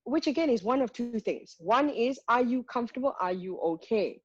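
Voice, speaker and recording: A woman's voice: on the high side, expressive, moderate pace, breathy edge, no room sound, muffled recording. A woman, a guest singer talking frankly and reflectively, making her points one by one. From Malaysia. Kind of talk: candid conversational interview.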